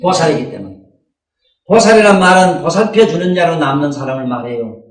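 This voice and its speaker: High-pitched Gyeongsang-accented preacher in an echoey hall. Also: male voice, expressive, fairly quick. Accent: Gyeongsang Korean. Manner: folksy, rhetorical, prods listeners with "eh?". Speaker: Buddhist dharma teacher. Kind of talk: sermon. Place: dharma hall. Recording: echoey room, distant mic.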